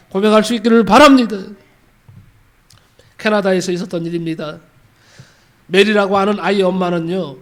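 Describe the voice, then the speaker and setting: A male pastor preaching a sermon, who tells a story and leads the congregation in repeating phrases after him. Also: high voice.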